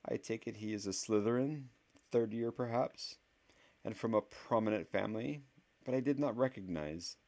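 Man voicing unctuous male shopkeeper, oily, ingratiating, slow, gravelly, audiobook. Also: lowish voice, a little mellow, pitched above the performer's own voice, lightly acted. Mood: fawning.

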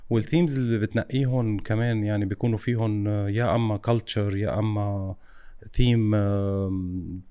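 A man's voice: lowish voice, fairly even intonation, brisk, warm tone, smooth. A man with a Levantine Arabic accent from Lebanon, interviewing in a casual, reflective way and slipping English phrases into his speech.

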